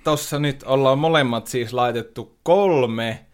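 A man hosting a casual chat, playful and quick to laugh. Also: mid-range voice, clean tone. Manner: laughs often, lively and playful. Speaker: podcast host.

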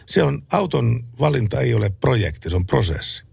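A man co-hosting a late-night radio talk show in a relaxed, chatty way, reading out listener messages. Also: medium pitch, creaky, husky, dry recording. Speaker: radio co-host.

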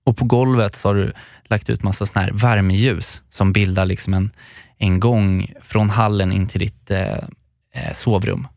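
In studio-quality audio with no echo, a man in his twenties with a fairly low, steady, gravelly and darkish voice co-hosts a casual podcast. Rambling through a lengthy anecdote, he performs the quotes as he goes.

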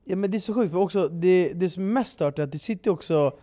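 A man co-hosting a relaxed podcast chat, mostly answering with short agreeing reactions. His tone is dark and mellow, and his voice sits a little high. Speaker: podcast co-host. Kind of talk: casual chat.

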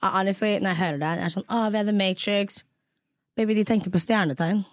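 Woman host, mid-pitched, playful, slips into English, casual chat. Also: steady tone. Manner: playful, mixing English into her speech. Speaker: podcast host.

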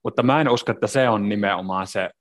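A man co-hosting a podcast, talking reflectively about workplace culture in a casual discussion. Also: lowish voice. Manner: reflective, with many restarts and fillers. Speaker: podcast co-host.

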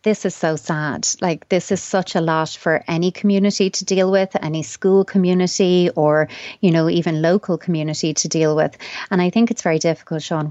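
A woman's voice: low-pitched, darkish tone, no echo, muffled recording. A woman, a child psychotherapist, giving advice on a radio show in long, thoughtful explanations.

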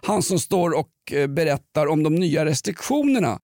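A man's voice: a little high, very animated, a little mellow, no echo, studio quality. A man co-hosting a podcast in casual chat, ranting sardonically and joking. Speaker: podcast co-host.

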